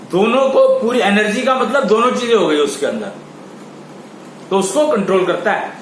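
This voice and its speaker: A man with a high-pitched voice delivers a spiritual lecture, explaining his ideas in slow, halting phrases. The room is echoey, with a faint hum of ambience behind him. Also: fairly bright tone. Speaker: teacher.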